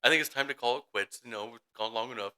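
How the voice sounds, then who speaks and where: Racing along in a pushed, bright, mid-range voice, a man shares rambling stories on a casual podcast he co-hosts with his brother. He laughs a lot and acts out voices while recounting anecdotes.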